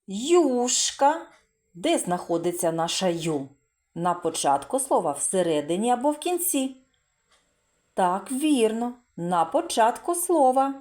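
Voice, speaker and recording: A woman's voice: mid-range voice, a little mellow. A woman teaching preschoolers a letter, encouraging them with praise and drawing out sounds and syllables for them to repeat. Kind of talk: slow, expressive children's literacy lesson.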